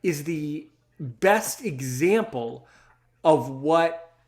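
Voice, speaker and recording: A man's voice: on the high side, animated, drawn-out words, a little mellow. A man in his thirties interviewing a guest, agreeing eagerly and stammering through many restarts. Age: 30s. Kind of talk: casual interview talk.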